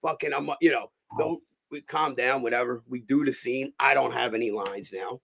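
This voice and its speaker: A man, hosting a show and telling rough, profane stories in a casual, animated way. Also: mid-range voice, moderate pace. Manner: animated, profane, acts out quotes. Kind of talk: casual storytelling.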